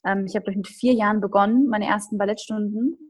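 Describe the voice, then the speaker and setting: Speaking standard German fast, with a steady tone and a mid-range, slightly mellow voice, the young ballet dancer cheerfully chats in a casual podcast interview, full of fillers. She is from Austria and grew up in Upper Bavaria.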